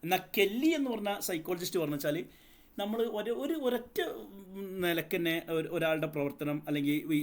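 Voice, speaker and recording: A man teaching a psychology lesson, explaining step by step, asking the class questions and mixing in English terms. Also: fairly high pitch. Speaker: psychology tutor. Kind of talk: lecture.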